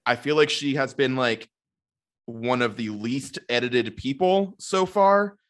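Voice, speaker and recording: A man co-hosting a podcast in casual chat, making his points in a measured, reasoned way. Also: mid-range voice. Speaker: podcast co-host.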